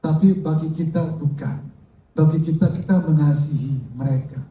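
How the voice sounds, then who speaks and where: An older man preaches to his congregation in a lively, joking way. His voice sits high but has a mellow, dark tone. The sound is roomy and echoey, picked up from a distance in a church hall. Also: moderate pace. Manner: lively, jokes with the congregation and calls out to them. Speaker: pastor. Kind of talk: sermon. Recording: echoey hall, mic from far off.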